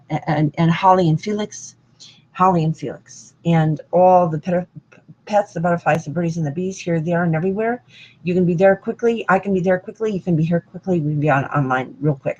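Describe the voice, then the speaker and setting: Low-voiced woman chanting names, muffled sound. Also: a little mellow. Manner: lists names in long chants, sing-song repetition. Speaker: host of a spiritual online broadcast. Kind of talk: rambling devotional address. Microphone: online hangout broadcast.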